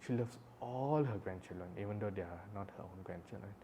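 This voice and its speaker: A young man with a slightly low voice speaks in a halting, rambling way. He restarts often, fills his pauses and sounds emotional and apologetic. A faint background hum sits under his voice. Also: warm tone. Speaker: vlogger. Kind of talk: personal storytelling monologue.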